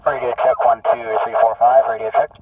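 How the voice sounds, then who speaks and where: A man calling a slow radio check and counting, his transmission breaking up. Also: mid-range voice, little pitch movement. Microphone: received on a handheld two-way radio. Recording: muffled, distant, noisy radio.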